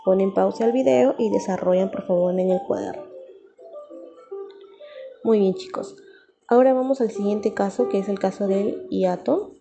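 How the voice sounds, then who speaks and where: A woman teacher giving a recorded grammar lesson, patient and repeating key terms slowly for her students. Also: medium pitch, gravelly, lo-fi sound, over music.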